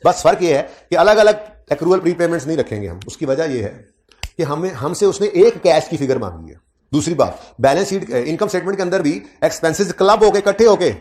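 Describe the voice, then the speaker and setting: A man's voice: a little high, a little mellow. A man giving an accounting lecture, quizzing students on figures and adding teasing asides. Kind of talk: classroom lecture.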